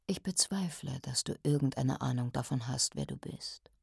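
A woman reading a storybook voices a powerful man who gives hushed, commanding orders. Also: low voice, normal speed, no echo, clean studio sound. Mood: menacing whisper. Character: cold commanding powerful man, quiet menace.

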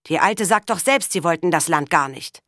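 A woman's voice: on the low side, lively intonation, moderate pace, fairly bright tone, no room sound, clean studio sound. A woman reading the part of a mocking, greedy male farmer in a storybook. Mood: indignant. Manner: mocking, indignant.

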